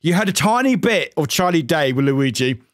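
A streamer reacting to a trailer live, excitable and scattered, swearing freely and interrupting himself. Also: male voice, on the high side, normal speed, dry recording, clean studio sound.

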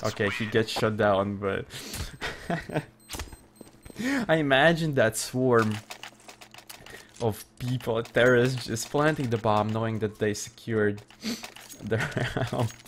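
A man casting a live shooter match, amused and often laughing in disbelief at the plays. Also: medium pitch. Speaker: esports caster. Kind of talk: live game commentary. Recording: game gunfire noise behind voice. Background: game gunshots and clicks.

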